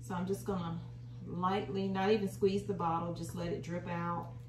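A low-ish, slightly mellow female voice with a flat delivery and normal speed belongs to an American woman hosting a home gardening video. She offers a casual, folksy how-to demo from a small indoor room at home. A camera a short distance away picks her up, so the recording is roomy and distant, with faint noise.

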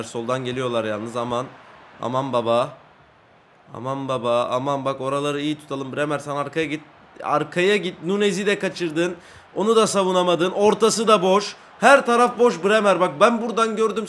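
A man giving excitable live commentary on his own football video game, shouting at teammates and taunting in a singsong voice. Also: a little high, slight background noise. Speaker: gaming YouTuber.

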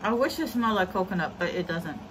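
A woman's voice: on the low side, lively intonation, fast talker, a bit bright, low-quality recording. A woman reviewing a beauty product in a casual, chatty and self-mocking way while she talks through a sheet face mask. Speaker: beauty vlogger. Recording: faint air conditioner hum. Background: air conditioner hum.

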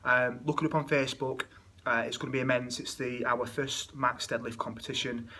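A man's voice: mid-range voice, flat delivery, brisk, pushed and bright, breathy edge. A young man co-hosting a casual gym vlog, dropping dry, teasing one-liners. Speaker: co-host. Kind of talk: casual chat.

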